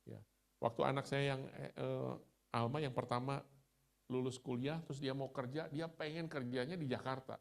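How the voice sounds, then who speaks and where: Middle-aged Indonesian man, chatty preacher, gravelly tone. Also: medium pitch, fairly even intonation, normal speed. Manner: storytelling, chatty, laughs at himself. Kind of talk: conversational sermon.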